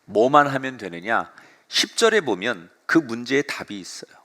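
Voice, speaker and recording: A middle-aged male pastor preaching a sermon, retelling the story with lively, dramatic delivery. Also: medium pitch, moderate pace.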